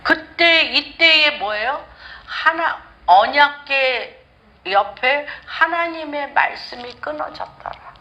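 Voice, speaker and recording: A woman's voice: high voice, lively intonation, slow pace, bright, forceful tone, muffled recording. A woman pastor preaching a sermon with passion, acting out pleading prayers aloud. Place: church sanctuary.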